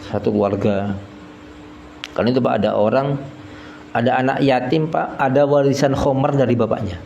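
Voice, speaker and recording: A man's voice: medium pitch, normal speed, gravelly, a little mellow, dull audio. A man gives a folksy study sermon in a prayer hall, often turning to the listeners as sir. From East Java, Indonesia. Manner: folksy, keeps addressing listeners as sir, chuckles at own jokes. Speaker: religious teacher. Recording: echoey prayer hall, faint noise.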